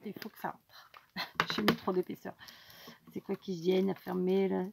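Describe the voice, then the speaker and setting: A woman's voice: mid-range voice, little pitch movement, moderate pace, creaky, heavy background noise. A woman hosting a casual craft tutorial, chatting and thinking aloud with many fillers as she works.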